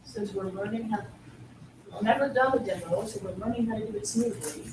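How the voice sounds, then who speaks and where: A woman founder giving a business pitch and walking the audience through a live demo, explaining things step by step. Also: brisk, noisy background. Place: event room at a startup pitch night. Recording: echoey room from far off.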